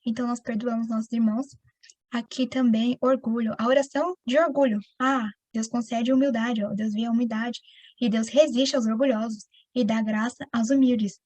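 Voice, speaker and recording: A woman with a Brazilian Portuguese accent teaching the Bible in a conversational, animated way, often addressing her listeners directly. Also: fairly high pitch, normal speed, no echo. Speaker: preacher.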